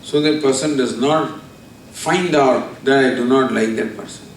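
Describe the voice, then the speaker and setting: A man, a spiritual teacher giving a deliberate scripture lecture with everyday examples. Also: mid-range voice, a little hiss or hum. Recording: roomy, distant mic.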